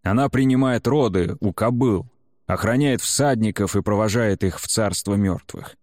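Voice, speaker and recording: A male narrator voices a stubborn, grieving warrior chieftain who speaks in a grim, slow, determined way. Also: lowish voice, a little mellow, dry recording, clean studio sound, lightly acted. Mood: earnest.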